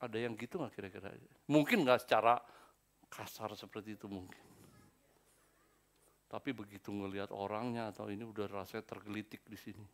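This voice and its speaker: A man preaching a sermon in a church service, acting out quoted people and swinging between low asides and loud exclamations. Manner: playful, acts out quoted people. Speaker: pastor.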